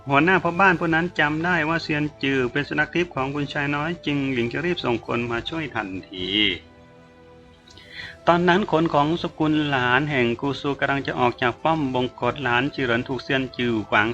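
A man reading a novel aloud as an audiobook narrator, with a bright, forceful tone. His storytelling is measured and steady, with soft music underneath. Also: fairly high pitch, muffled recording.

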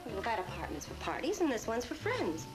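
A teasing, flirty hostess. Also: female voice, a little high, wildly swooping pitch, brisk, music in the background. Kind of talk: 1950s TV crime drama acting.

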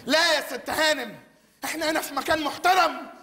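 A man's voice: very high-pitched, a little fast, a little hiss or hum, full character voice. An actor playing a mocking, paranoid male café worker in a live Egyptian stage comedy, ranting and accusing. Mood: sarcastic. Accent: Egyptian Arabic. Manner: sarcastic, escalating accusations, shouting rants. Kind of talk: live stage sketch acting. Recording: live theater stage, long reverb, audience.

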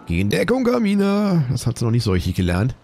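A man commenting on his own gameplay, excitable, swearing and repeating panicked exclamations. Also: medium pitch, fast, creaky, noisy background. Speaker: let's play gamer.

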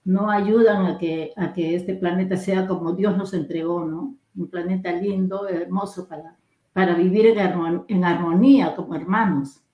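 A woman's voice: fairly low pitch, normal speed, echoey room, muffled recording. An older woman from Peru, a guest writer, telling her story in a casual interview and acting out the dialogue. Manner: retells her story with lively acted dialogue and laughs.

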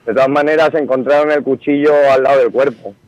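A man's voice: mid-range voice, steady tone, fast, a little mellow, no room sound. A man calling into a radio talk show over the phone, speaking with indignation and accusation. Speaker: radio caller. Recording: muffled dry phone line.

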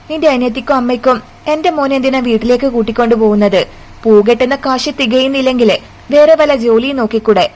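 Woman reading as a taunting mother-in-law, sharp-tongued, fairly high voice, accusing. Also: close to an everyday voice, low-quality recording.

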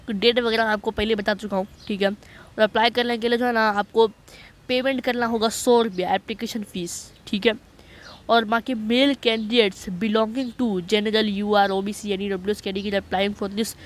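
Man, high voice, chatty screen-recording explainer, checks in with listeners, slow halting reading of English. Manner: chatty, repeats "okay" to check understanding; reads English passages slowly and haltingly. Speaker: online job-notice explainer. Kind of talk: voice-over walkthrough of a job notice. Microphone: voice-over on a screen recording.

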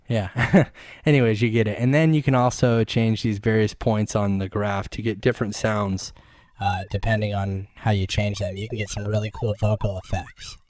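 A man hosting a casual software tutorial, talking in an offhand, joking way into a studio mic. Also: lowish voice, little pitch movement, normal speed, no room sound. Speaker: host. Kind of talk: screen-recorded software tutorial.

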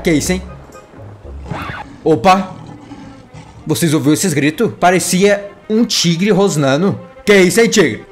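A man with a high voice and a Brazilian Portuguese accent hosts a kids' gaming vlog. He talks in a playful, exclamatory way and keeps circling back to the same catchphrase. Faint music plays under his voice. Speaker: gaming YouTuber.

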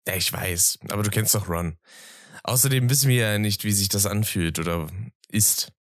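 A man's voice: fairly low pitch, normal speed, no room sound, clean studio sound, natural voice. A man voicing a kind, awkward young wizard who stammers, in a fan audio drama. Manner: gentle, hesitant, stammering.

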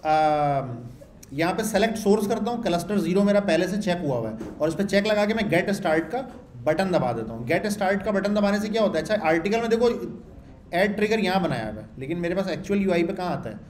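In this screen-share coding tutorial, a male programming instructor talks quickly and animatedly in a high, slightly mellow voice. The room sounds roomy with a little background noise, and he chats along, answering his own questions and going over points more than once.

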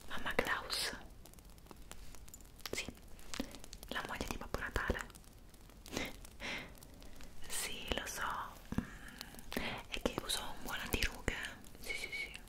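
A young woman voicing a kind, motherly Mrs Claus in an ASMR roleplay, whispering up close and coaxing with gentle questions. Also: slow, long pauses, close to an everyday voice. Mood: caring. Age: young adult. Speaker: ASMR creator. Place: indoor room decorated for Christmas.

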